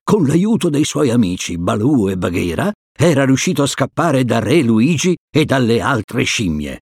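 A man reading a storybook aloud to children in an animated, sing-song way. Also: medium pitch, moderate pace, husky, no room sound, studio quality. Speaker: narrator.

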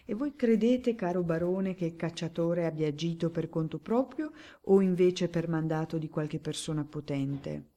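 A woman reading aloud as a shrewd, affable older male magistrate who questions a witness in a smooth, genial way. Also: on the low side, moderate pace, hardly any pauses, dark tone, lightly acted.

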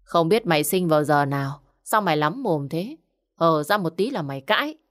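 A woman's voice: sits low, animated, normal speed. Woman doing a scornful stingy village uncle. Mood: scolding. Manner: scornful, scolding, curt. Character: rude stingy middle-aged village man.

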